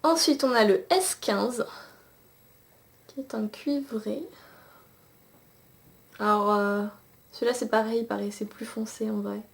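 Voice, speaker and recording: A young woman reviews eyeshadows with swatches on camcorder, a beauty vlogger full of fillers and restarts. Her slightly high voice has vocal fry and fairly even intonation, and she speaks unhurriedly, pausing often.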